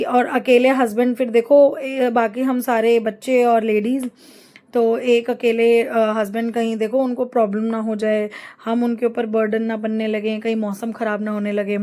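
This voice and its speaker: A middle-aged woman narrating a family travel vlog in a chatty, rambling way, pausing to find words. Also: a little high, warm tone. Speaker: travel vlogger.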